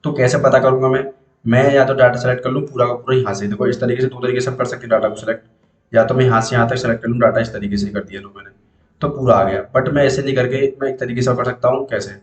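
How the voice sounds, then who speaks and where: A fast-talking man with a mid-range voice and a steady tone explains spreadsheet basics step by step in an echoey room. He's a computer teacher making a screen-recorded tutorial, posing questions, repeating them for the students, and answering them himself.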